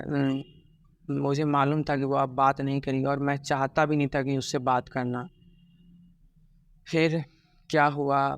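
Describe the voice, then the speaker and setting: A young man talking in a halting, regretful way about his heartbreak in a personal vlog, with many pauses and restarts. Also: mid-range voice, clean tone, dry recording. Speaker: vlogger.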